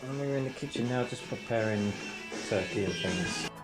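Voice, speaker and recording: A man's voice: lowish voice, moderate pace, loud music behind the voice. A man filming at home, giving jokey, teasing commentary in his kitchen, heard on an old camcorder tape. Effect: old camcorder tape sound. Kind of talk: casual home-video commentary. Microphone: built-in camcorder mic.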